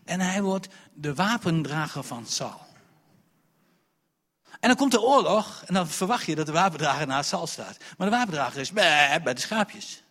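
A man preaching a sermon, telling the story in a lively, colloquial way. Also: fairly high pitch, moderate pace, big-room sound. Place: church.

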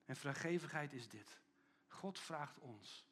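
A man preaching a sermon, swinging between loud, stressed lines and quiet, intimate asides. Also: on the high side, lively intonation, slow pace, husky. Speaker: pastor.

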